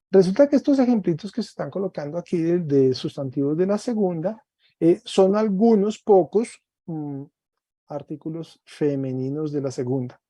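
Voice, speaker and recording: A man teaching a Greek class online, explaining slowly step by step and often checking with "¿cierto?". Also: a little high, warm tone, no room sound.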